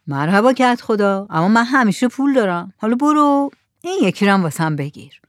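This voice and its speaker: Woman reader voicing a brash mullah, quick and insistent, storybook. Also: medium pitch, lively intonation, no echo, clean studio sound, close to an everyday voice. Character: short heavy mullah, pushy and self-assured.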